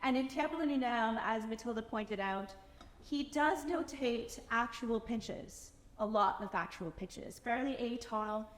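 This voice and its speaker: A woman with a fairly high voice explains her vocal technique to a concert audience in an animated way. The sound is roomy, with a long reverb from the hall around her. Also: measured pace. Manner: animated, demonstrates by speaking and singing. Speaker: singer performing the speaking part.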